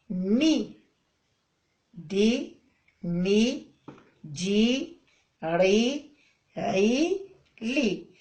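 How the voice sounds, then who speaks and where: Algerian lady teacher doing letter sounds for kids, kinda high voice that jumps all over, slow and drawn out. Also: fairly bright tone. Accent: Algerian Arabic. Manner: drawn-out syllables, coaxing and praising. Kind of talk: phonics lesson for young children.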